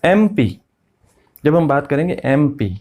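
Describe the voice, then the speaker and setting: A man's voice: on the high side, lively intonation, measured pace, a little mellow. A man teaching English grammar as a classroom lecture, repeating each example as he explains.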